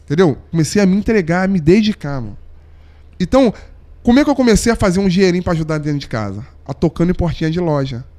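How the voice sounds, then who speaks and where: A man's voice: high voice, animated, quick pace, dark tone. A young adult man, a podcast guest telling a moving personal story in slangy, heartfelt chat, sometimes dropping nearly to a whisper. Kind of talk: emotional storytelling in casual chat.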